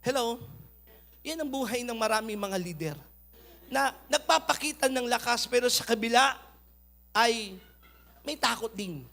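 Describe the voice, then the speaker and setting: A man preaching a sermon, swinging between loud urging and quiet asides. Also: very high voice, lively intonation, measured pace, vocal fry, long pauses. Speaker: pastor.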